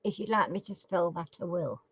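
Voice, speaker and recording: In a brisk, slightly rough voice on the low side, a woman hosts a live chat quiz, casually reading out and repeating the questions. Her articulation is slightly slurred and toothless, and there's no echo.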